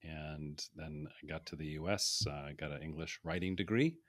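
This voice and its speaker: A man from Saudi Arabia speaks as a podcast guest with a very low voice. He lays out his thoughts in a structured way with pauses and fillers, and his voice sounds dry and close to the mic. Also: no echo. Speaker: guest, portfolio manager. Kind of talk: casual interview.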